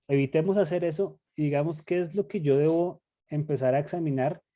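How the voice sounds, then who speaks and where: A man with a mellow, slightly raised voice talks through a lesson to a small group. He is thoughtful and self-critical, circling back over his words as he thinks aloud. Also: fairly high pitch. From Latin America. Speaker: Bible study leader. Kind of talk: casual reflective teaching.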